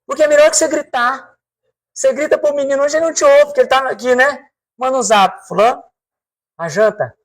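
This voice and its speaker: A man with a Brazilian accent giving a spiritual reflection talk, swinging his pitch, slowing down for emphatic repetitions and asking the audience direct questions. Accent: Brazilian Portuguese. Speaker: spiritual speaker.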